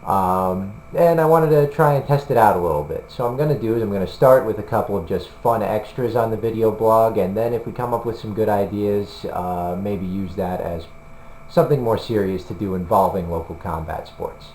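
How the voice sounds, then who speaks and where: A man's voice: lowish voice, normal speed, darkish tone. Rambling man talking to camera. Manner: rambling, hesitant, many fillers. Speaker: video blogger for a combat sports site. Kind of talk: casual talk to camera. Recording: roomy room with faint hum.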